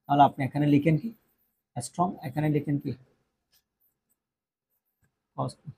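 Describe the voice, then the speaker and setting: A Bangladeshi man lectures a class on English grammar in Bengali, repeatedly asking questions, answering them himself and adding joking asides. His voice is a little high yet gravelly, dark and slightly rough, steady in tone at a normal speed.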